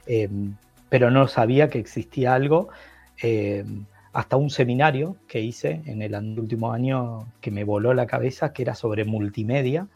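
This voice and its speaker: Faint music plays behind a middle-aged Brazilian man chatting in Portuguese as a guest on a podcast. His mid-range voice has a darkish tone and moves at normal speed, while his enthusiastic answers in this casual interview ramble and frequently restart.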